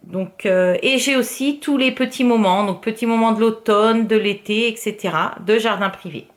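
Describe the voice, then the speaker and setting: A woman vlogger in casual show-and-tell chat, talking her way through her crafts with many fillers and the odd soft murmur. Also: fairly high pitch, moderate pace. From France. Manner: chatty, filler-heavy, often drops to a soft murmur.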